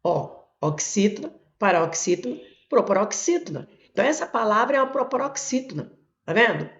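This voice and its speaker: Brazilian woman teacher explaining, lively pitch. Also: normal speed, creaky. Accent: Brazilian Portuguese. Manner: explains step by step with frequent "ó" and "olha" while pointing at the board. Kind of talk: exam prep lesson, working through questions. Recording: echoey room, dull lo-fi sound.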